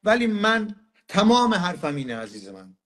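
A man's voice: high-pitched, huge pitch swings, a bit bright. A man as a guest in a live-stream conversation, insistent and often cutting in.

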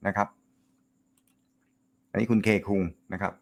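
A man hosting a casual live stream, reading viewer comments, with a naturally loud voice and a joking, chatty manner. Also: fairly low pitch, steady tone, measured pace, gravelly. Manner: joking, laughs often, chatty. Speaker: host of a snooker live show.

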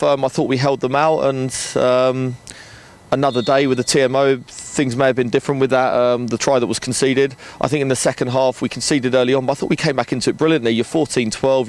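A man in his thirties, a rugby director, speaking in a frank, measured way with many ums and restarts, outdoors at a floodlit ground at night into a handheld mic. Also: medium pitch. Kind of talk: post-match interview. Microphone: handheld interview mic.

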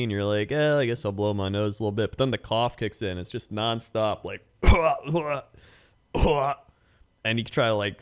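A man co-hosts a casual podcast in a clean, lowish voice. He's laid-back and easygoing, chatting with amusement while getting over a cough.

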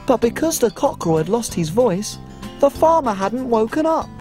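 With faint music behind her, a woman speaks at a moderate pace in a fairly high, mellow voice full of big pitch swings. It's children's TV acting: she's a tiny, cheery little cook telling stories in a bubbly sing-song way.

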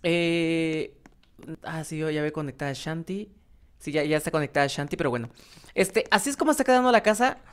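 A woman's voice: low-pitched, fairly quick, clear, resonant tone. A woman hosting a gaming channel, giving rambling, casual gameplay commentary with lots of fillers and restarts, often addressing viewers directly. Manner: talks to viewers as "chicos".

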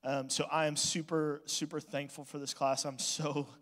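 A man speaking as youth pastor, giving a heartfelt, halting address to graduating students. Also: a little high, little pitch movement, fairly bright tone. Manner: emotional, halting, with frequent restarts. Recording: reverberant church hall.

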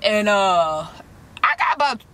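A woman's voice: mid-range voice, animated, unhurried, fairly bright tone. A young woman, chatting to her viewers in a slangy, direct way while doing a face mask inside a parked car, recorded on a camera close in front of her. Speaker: vlogger.

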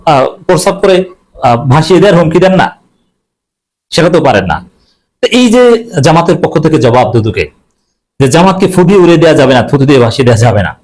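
Male commentator, middle-aged, rapid delivery, fairly high voice, emphatic and mocking. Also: low-quality recording. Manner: emphatic, repeats slogans, mocking asides. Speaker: political commentator. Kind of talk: political commentary monologue.

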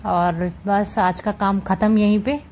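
A woman vlogging casually at home with her cats, chatting gently to viewers as she handles them. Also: mid-range voice, steady tone, a little slow, slight background noise. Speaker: cat vlogger. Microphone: camera set up nearby.

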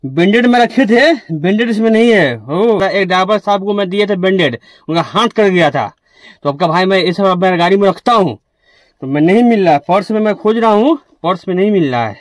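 A man's voice: high-pitched, dry recording. A young man who drives trucks, chatting casually to his viewers from farm fields beside his truck and filming on a phone. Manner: chatty, addresses viewers directly. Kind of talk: casual vlog narration.

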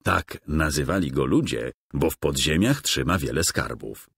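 A man narrating a children's game story in a calm, gentle storytelling manner, recorded as a dry close studio voice-over. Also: a bass voice, moderate pace, gravelly, husky, no room sound.

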